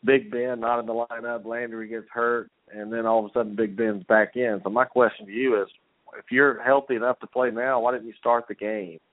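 A man's voice: mid-range voice, fairly even intonation, a little fast, no echo. A man hosting a sports talk show, fired up and rambling as he jumps from game to game. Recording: tinny phone-like line, dry.

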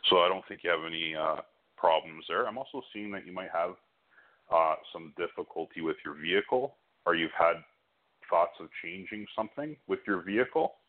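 Low-voiced male psychic hotline reader, muffled sound. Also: normal speed. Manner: reassuring, checks for agreement. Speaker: phone-in psychic medium. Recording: muffled, band-limited call audio.

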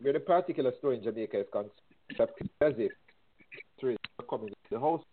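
Read this as a man whose phone line is breaking up, halting and repeating words on a buzzy, glitchy call. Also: mid-range voice, expressive. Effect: call audio breaking up, buzzy and glitchy. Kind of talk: call-in radio discussion. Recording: tinny phone line with clicks and hiss.

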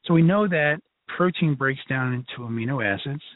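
A man with a Brooklyn accent, originally from Brooklyn, New York, delivers an informal, emphatic class lecture in a chatty, folksy way as a health educator. His voice sits at a medium pitch and moves at a moderate pace. The audio comes through a narrow, phone-like line.

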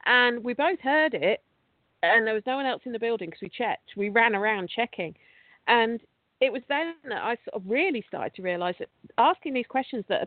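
A woman's voice: a little high, no echo. A woman, a paranormal investigator telling stories in a casual, rambling way with frequent restarts. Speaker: guest, paranormal investigator and podcast host. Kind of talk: casual conversational storytelling. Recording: dry, tinny phone-like call audio.

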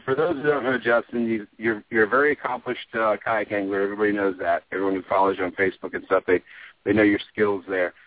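A man's voice: fairly low pitch, steady tone, quick pace, no room sound. Man on a breaking-up phone line. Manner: easygoing, joking, with filler words. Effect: call line breaking up and cutting out. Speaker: radio show host. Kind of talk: casual radio chat. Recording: dry, tinny phone-line audio.

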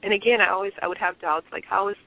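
Racing along in a medium-pitched, steady voice, a Liberian woman shares her personal testimony during an interview. She is earnest and reflective but keeps restarting. The phone line sounds tinny and dry.

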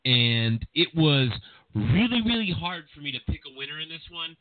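A man hosting a boxing podcast, talking in a rambling, animated way with lots of restarts and fillers, with a General American accent. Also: fairly high pitch, moderate pace, no room sound. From California. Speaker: podcast host. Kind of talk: casual boxing podcast chat. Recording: tinny phone-like line, dry.

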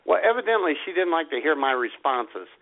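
Co-hosting a podcast, a man chats casually, teasing his partner and laughing often. His fairly high, sing-song voice runs fairly quick, and the recording has a tinny, phone-like sound.

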